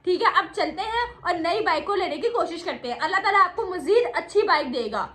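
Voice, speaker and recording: A woman's voice: very high voice, expressive, a little fast, bright, forceful tone. A young woman hosting a vlog, chatting casually and teasing her friend with jokes. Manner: teasing, joking. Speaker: vlog host.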